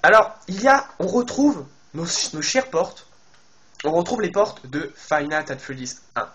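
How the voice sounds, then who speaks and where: A video game YouTuber gives casual commentary on a game trailer, talking directly to his viewers in a chatty way. He thinks aloud with many fillers and restarts, his voice a little higher than most men's, with big pitch swings and a slightly slow pace. There's slight background noise.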